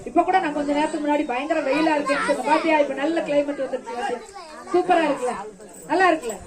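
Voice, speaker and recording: Speaking at a racing pace, a high-pitched children's ministry teacher tells a Bible story to a group of kids outdoors in the rain. She keeps asking them questions and answering them herself, coaxing them affectionately, while children's chatter surrounds her.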